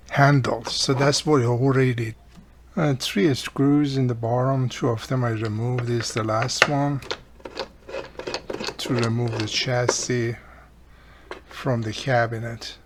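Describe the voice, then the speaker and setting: Amid background noise, a radio repair hobbyist who hosts his own show slowly explains the repair in front of him. His voice is mid-range and steady, and his unscripted, casual speech has non-native-sounding grammar, often without articles.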